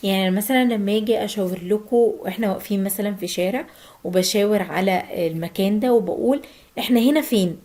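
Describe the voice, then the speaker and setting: A woman with an Egyptian Arabic accent teaching a language lesson, slowing right down for the example phrases. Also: medium pitch, mellow. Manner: slow, drawn-out Turkish example phrases between Arabic explanations.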